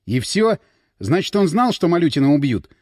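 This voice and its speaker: A man's voice: fairly high pitch, big pitch swings, moderate pace, a little mellow, no room sound, studio quality. Man as a pushy police detective. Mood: demanding. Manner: demanding, clipped. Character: tough male police detective, pushy and urgent. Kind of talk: audiobook character voice.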